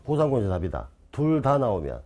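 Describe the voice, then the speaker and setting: A man's voice: medium pitch, huge pitch swings, quick pace, a little mellow. A man giving an online exam-prep lecture, quizzing his students with constant rhetorical questions and insistently repeating key terms.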